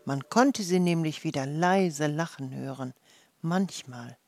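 A calm storyteller reading a fairy tale aloud at an unhurried, deliberate pace. The telling is measured and even, recorded close and dry with no room sound. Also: medium pitch, no room sound. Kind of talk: slow read-aloud fairy tale narration.

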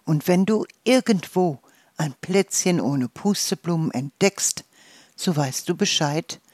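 A storyteller reading a calm guided fantasy journey and fairy tale in a soft, soothing manner. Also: mid-range voice, measured pace, no room sound, clean studio sound.

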